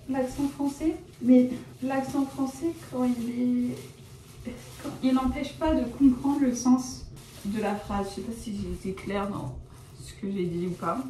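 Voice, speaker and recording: A young woman vlogs casually from home as she colors her hair, her mellow voice on the high side. She rambles, backtracks to correct herself, and uses lots of fillers like "genre" and "euh," admitting she's shy and reserved. The sound is roomy and far from the mic, with a little hiss or hum and faint background ambience.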